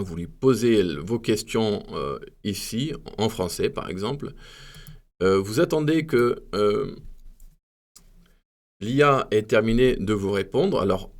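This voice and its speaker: A man presenting a software demonstration to viewers, talking hesitantly with many fillers and self-corrections. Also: lowish voice. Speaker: tech video host. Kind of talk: screen-recorded software demo.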